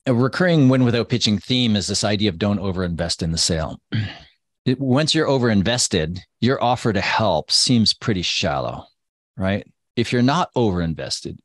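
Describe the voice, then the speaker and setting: A man hosting a business webinar, answering audience questions in a relaxed, conversational way with playful asides. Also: on the low side, dry recording, clean studio sound. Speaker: webinar host and sales consultant.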